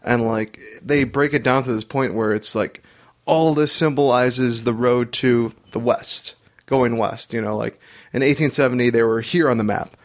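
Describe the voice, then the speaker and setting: A man's voice: medium pitch, normal speed. A man co-hosting a film podcast, talking in a rambling, casual way with many fillers. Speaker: podcast co-host. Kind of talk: casual chat.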